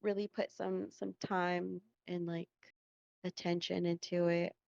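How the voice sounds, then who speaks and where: Gravelly woman cohost, lots of um and like, dry muffled audio. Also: on the low side, level tone, measured pace, a little mellow, dry recording. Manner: hesitant, filler-heavy, encouraging. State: recovering from flu. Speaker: podcast co-host. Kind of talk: casual chat.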